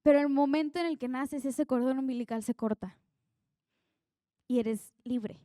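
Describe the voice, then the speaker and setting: Woman preacher, young adult, earnest conversational sermon, warm smooth voice, dry close sound. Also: high-pitched, moderate pace, no room sound.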